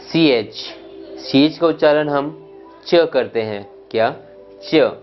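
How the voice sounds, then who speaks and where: A man teaching English pronunciation, reading out word lists one by one and often checking "clear?" with his students. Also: fairly high pitch, takes it slowly, muffled recording, faint music behind. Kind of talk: pronunciation lesson.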